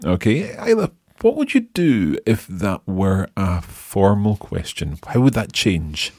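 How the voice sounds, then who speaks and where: A man hosts an Italian lesson for learners, explaining grammar patiently. His voice is very deep but moves a lot in pitch, with a husky edge. The sound is close and dry. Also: very animated, a little slow, warm tone, no echo. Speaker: language teacher, host. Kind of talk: language lesson podcast.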